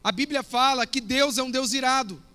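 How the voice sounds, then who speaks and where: High, bright-voiced man preaching a sermon. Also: moderate pace. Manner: storytelling, conversational, addresses audience directly. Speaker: youth pastor.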